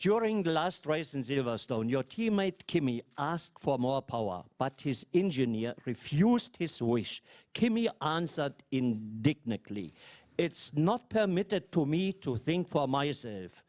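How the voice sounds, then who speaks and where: A man's voice: on the high side, sing-song, unhurried, a little mellow. A man, a newspaper journalist, reading long, earnest questions from his notes at a press conference.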